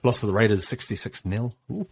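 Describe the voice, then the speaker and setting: Easygoing New podcast host. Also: male voice, fairly low pitch, animated, fairly quick, gravelly, slightly rough. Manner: easygoing, leads the talk with filler-laden questions. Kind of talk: casual sports chat.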